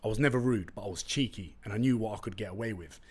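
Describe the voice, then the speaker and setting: A young London man whose native language is Turkish hosts a solo podcast with a London accent, speaking quickly in a lowish voice with a breathy edge. He's chatty, slangy, and animated as he tells stories. He records indoors in a brick-walled room on a close studio condenser mic with a pop filter.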